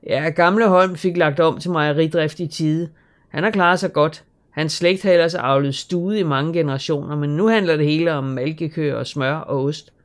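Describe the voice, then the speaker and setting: A narrator voicing a gentle, caring middle-aged father in an audiobook, speaking earnestly and reassuringly. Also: fairly high pitch, steady tone, close to an everyday voice. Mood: friendly. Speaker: audiobook character.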